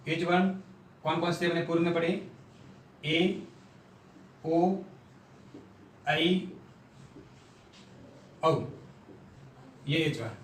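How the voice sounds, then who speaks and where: A man's voice: fairly high pitch, fairly even intonation, far from the mic, slight background noise. A man teaching a grammar lesson at a board, explaining step by step and sounding out syllables one at a time. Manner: slow, step-by-step explaining, repeating syllables aloud. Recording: echoey room, voice off-mic.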